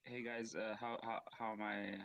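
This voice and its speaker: A man's voice: lowish voice, flat delivery, moderate pace, vocal fry, fairly bright tone, no room sound. A man on a live online discussion whose faulty mic makes him sound faint and muffled, as if calling from the bottom of a well. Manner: hesitant mic checks. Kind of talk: casual live stream chat.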